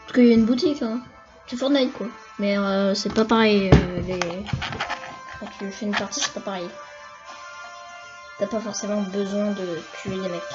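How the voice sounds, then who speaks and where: A woman giving casual, chatty commentary over her gameplay, excitable and quick to repeat words in bursts. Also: mid-range voice. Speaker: gamer. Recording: dull lo-fi recording over game music. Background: loud game music.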